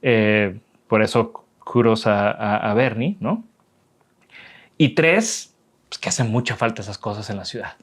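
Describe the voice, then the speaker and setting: A man hosting a podcast interview, talking in a relaxed, rambling way and often tagging his sentences with a question. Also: fairly low pitch, a little slow. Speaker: podcast host. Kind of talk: casual interview conversation.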